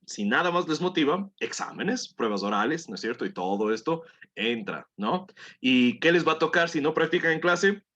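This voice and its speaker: A man's voice: mid-range voice, a bit bright, highs cut off. A man teaching a language class, patiently coaxing students through pronunciation drills and repeating words for them to copy. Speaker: English teacher.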